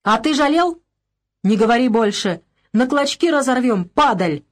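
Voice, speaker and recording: A woman voicing a grieving, furious village woman who wails a folk lament and shouts raw threats. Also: fairly high pitch, expressive, normal speed, voice pushed up, lightly acted.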